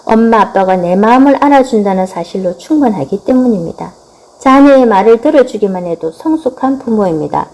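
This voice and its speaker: A middle-aged woman giving a scripted talk on parenting, gently acting out the dialogue she quotes. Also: medium pitch, expressive, brisk, low-quality recording. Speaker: parenting lecturer.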